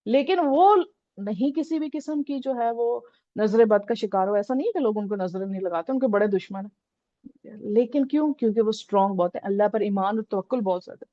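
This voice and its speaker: A woman's voice: mid-range voice, a little fast, warm tone, no room sound, muffled recording. A woman teaching a religious lesson in a conversational way, often checking in with her listeners. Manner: conversational, repeats "theek hai" often. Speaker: Islamic teacher.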